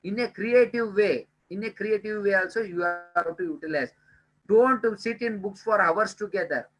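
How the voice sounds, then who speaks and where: Male trainer, high bright voice, earnest lecturing, repeats points for emphasis. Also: moderate pace, poor audio. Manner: addresses listeners as dear friends. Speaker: time management trainer. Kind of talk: webinar lecture.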